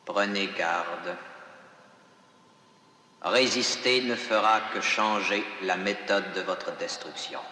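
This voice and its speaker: Casting: implacable alien chief justice, lowish forceful voice, formal and menacingly solemn, heavily echoed, science fiction dub. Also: male voice, slow, long pauses, exaggerated voice. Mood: accusing, menacing. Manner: solemn, formal, pronouncing sentence. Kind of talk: dubbed science fiction television drama. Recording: cavernous echo with long reverb.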